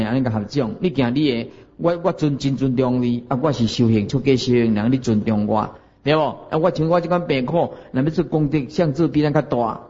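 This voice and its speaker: A Buddhist monk preaches with a Taiwanese Hokkien accent, his voice pitched a little high for a man. He tells stories in a homely way, chuckling and tossing rhetorical questions at his listeners. The recording sounds dull and lo-fi, like an old tape. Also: darkish tone. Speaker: Buddhist monk giving a dharma talk. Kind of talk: sermon.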